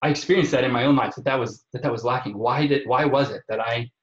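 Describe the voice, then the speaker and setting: A man from Nebraska talking conversationally as a podcast guest, in a halting way, repeating words as he goes. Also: medium pitch. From Omaha area, Nebraska. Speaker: podcast guest, parish evangelization coordinator. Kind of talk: conversational personal testimony. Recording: slightly dull, roomy sound.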